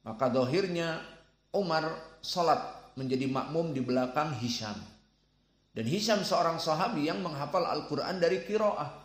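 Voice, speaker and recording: Male religious teacher, slightly high voice, slow deliberate delivery, echoey room. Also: animated. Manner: slow, deliberate, demonstrates Arabic sounds aloud. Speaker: Quran recitation teacher. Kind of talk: religious lesson.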